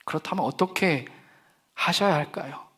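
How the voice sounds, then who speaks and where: A middle-aged man preaching a sermon as pastor to young people, lively, with humor and acted quotes. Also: on the high side, normal speed, slightly rough.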